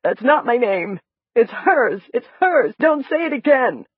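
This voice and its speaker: A woman's voice: on the high side, very animated, unhurried, breathy edge, no room sound, narrow, tinny audio, pitched above the performer's own voice, full character voice. A woman voicing a panicked, amnesiac young woman who pleads and sobs in fear, in an audiobook reading.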